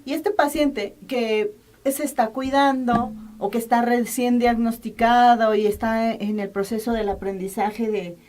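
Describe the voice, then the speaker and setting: A woman's voice: a little high, steady tone, a little slow, a little mellow. A woman host with a Mexican accent, asking a doctor questions in a chatty way with many restarts. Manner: conversational, restarts and repeats while asking. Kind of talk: interview, health program.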